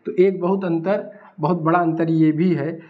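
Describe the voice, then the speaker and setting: Fairly high-pitched, steady in tone and at normal speed, a man teaches Hindi at the board. His questions get answered by himself, and the audio is a dull lo-fi recording.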